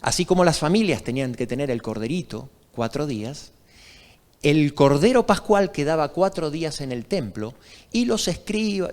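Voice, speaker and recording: Guy preaching, really animated up and down, asks the crowd questions, big echoey church. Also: on the high side. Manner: storytelling, asks the congregation questions. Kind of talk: sermon. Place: church sanctuary. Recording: reverberant church hall.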